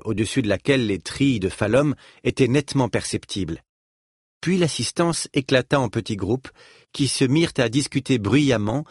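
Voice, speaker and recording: A man reading a novel aloud with lively, rising and falling intonation. His voice is husky and slightly breathy, and the recording is dry and close. He tells the story with expressive rhythm. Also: medium pitch, no echo. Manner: expressive storytelling, voicing each character. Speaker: narrator. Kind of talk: audiobook narration.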